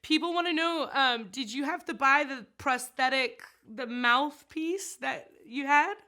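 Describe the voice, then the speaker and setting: Bright, chatty woman with giggles. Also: high-pitched, measured pace. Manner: chatty and giggly, rambling with many fillers. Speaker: actress and set designer interviewed about her film. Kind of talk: casual chat.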